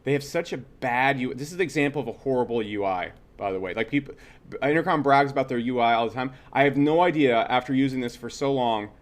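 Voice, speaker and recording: Medium in pitch and quick in pace, a male software instructor leads a laid-back screen-share tutorial. He's blunt and opinionated, curses freely, says things more than once, and keeps checking in with short tags.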